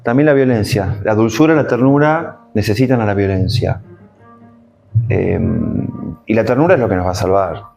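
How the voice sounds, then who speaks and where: A man's voice: lowish voice, moderate pace, gravelly, darkish tone, soft background music. A man with a Rioplatense accent, a guest artist chatting in an interview, reflective and meandering, often tossing in "¿viste?". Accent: Rioplatense Spanish. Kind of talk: casual interview chat.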